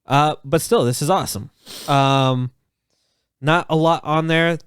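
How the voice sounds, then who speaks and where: A man co-hosts a podcast, hurrying through the week's news with eager enthusiasm. His voice is smooth and clear, recorded dry and close with no room sound. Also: on the high side, no echo. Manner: excited, fast-moving news rundown. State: has the hiccups. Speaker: podcast co-host. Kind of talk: casual chat.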